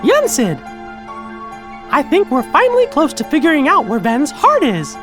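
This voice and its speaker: A man voicing a small, plucky cartoon mouse hero in a squeaky falsetto for a video game cutscene. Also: wildly swooping pitch, normal speed, a bit bright, full character voice. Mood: eager, determined. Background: background music.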